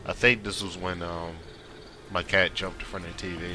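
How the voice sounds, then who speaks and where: A man's voice: low voice, flat delivery, normal speed. A man giving casual, rambling gameplay commentary in an informal, slangy, conversational way, as if chatting over his own footage. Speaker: gaming video creator doing commentary. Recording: clear background noise.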